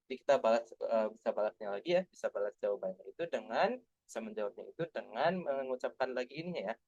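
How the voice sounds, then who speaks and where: A young man tutoring young children through test answers, patient and coaxing, slowly spelling out letters. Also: medium pitch, animated, a little mellow, no room sound. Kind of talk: online lesson reviewing test answers for young kids. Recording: dull, dry lo-fi sound.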